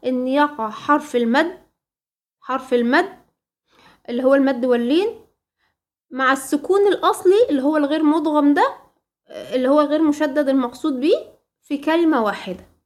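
A woman's voice: high voice, brisk, long pauses. A woman with an Egyptian accent teaching a tajweed lesson, quizzing her listeners with prompt questions and repeating key terms. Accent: Egyptian Arabic. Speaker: Quran recitation teacher.

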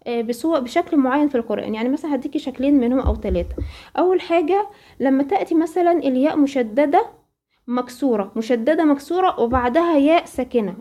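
A woman with an Egyptian accent teaching a Quran recitation lesson, asking questions and then answering them, and slowly reciting the examples. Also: high-pitched, warm tone. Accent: Egyptian Arabic. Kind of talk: tajweed lesson.

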